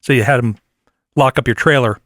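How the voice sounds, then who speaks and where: A man chatting casually on a podcast, chiming in with quick remarks. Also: medium pitch, fairly bright tone, no echo, clean studio sound. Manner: quick interjections. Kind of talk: casual chat.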